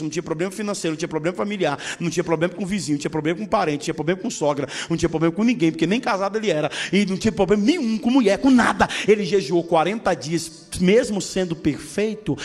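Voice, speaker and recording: A man's voice: sits high, fast talker, few pauses, soft background music. A male pastor preaching a sermon, joking and calling for responses from the congregation. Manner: humorous, with call-and-response to the congregation.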